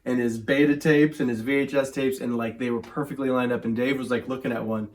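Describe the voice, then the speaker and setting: Hoarse man reviewing whiskey. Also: medium pitch, steady tone, brisk, a little mellow. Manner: chatty, laid-back, says "stinking" and "um" a lot. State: hoarse from a cold. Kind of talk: casual whiskey review chat. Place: home man cave, indoors.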